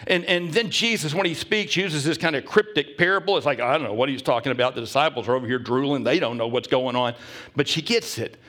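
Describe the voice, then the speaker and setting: A male pastor delivering a sermon, telling a story with emphatic repetition and sometimes dropping to a hushed whisper. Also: medium pitch, quick pace.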